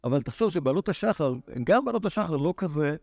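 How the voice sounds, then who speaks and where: A man's voice: fairly high pitch, expressive, creaky, darkish tone, no room sound. A man, a rabbi teaching a Talmud class to students, reading the text aloud and then explaining it in everyday speech with many restarts.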